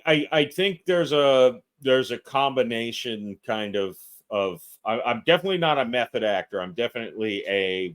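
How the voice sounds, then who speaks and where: A man's voice: medium pitch, a bit bright. A man guesting on a podcast as an actor and filmmaker, talking casually and self-deprecatingly, laughing often. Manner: fidgety.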